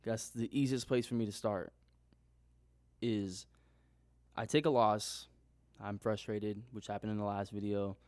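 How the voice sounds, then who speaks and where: A man's voice: fairly low pitch, steady tone, a little slow, pauses often, darkish tone, no room sound. A young man talking unscripted into his own microphone, rambling and questioning himself, often restarting his sentences. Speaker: trading vlogger. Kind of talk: unscripted casual monologue.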